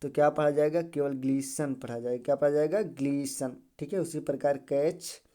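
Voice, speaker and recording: Man teaching in a dark, mellow voice. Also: a little high. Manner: keeps repeating words and asking quick questions of the viewer; drills each word over and over. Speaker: English pronunciation teacher. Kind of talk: classroom-style video lesson.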